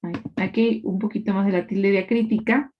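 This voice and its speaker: A woman's voice: mid-range voice, fairly even intonation, normal speed, faint music behind. Female teacher on a video call, explanatory lecture style, muffled lo-fi mic. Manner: explanatory, checks in with tag questions. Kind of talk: live online class lecture.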